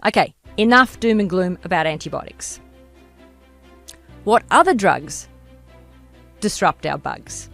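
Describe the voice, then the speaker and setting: A woman with a slightly croaky voice, presenting a scripted health podcast in a measured, explanatory way. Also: lowish voice, expressive, fairly bright tone, soft background music. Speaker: podcast host, doctor.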